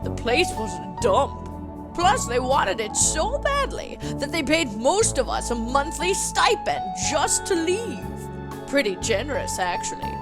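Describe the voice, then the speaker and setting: A woman's voice: high-pitched, huge pitch swings, a little slow, exaggerated voice. A woman voicing an adventure game character in an offhand, dry way. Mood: wry. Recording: game clip over music.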